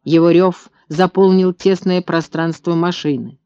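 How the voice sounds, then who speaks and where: A man reading an audiobook in steady, tense scripted narration. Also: high voice, measured pace, clean tone. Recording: dull lo-fi dry recording.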